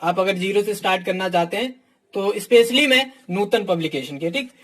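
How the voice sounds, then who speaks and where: This exam coach's voice is high-pitched and slightly bright, moving at a moderate pace as he reviews books in a laid-back teaching talk. He's blunt in his judgments, says "my dear" to his students, and attaches "ठीक" (theek) to almost every phrase.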